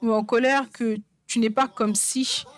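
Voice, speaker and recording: A woman's voice: on the high side, steady tone, a little slow, dry recording. Emphatic woman preacher, dry sound. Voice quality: songwriter speaking of her own songs. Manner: emphatic, repeats phrases for stress. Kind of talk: sermon.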